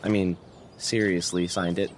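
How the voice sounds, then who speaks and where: A man's voice: sits low, little pitch movement, moderate pace, slight background noise, close to an everyday voice. A man playing an earnest, pretentious young student activist in a video game, wordy and preachy. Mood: earnest, intense. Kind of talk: game dialogue acting.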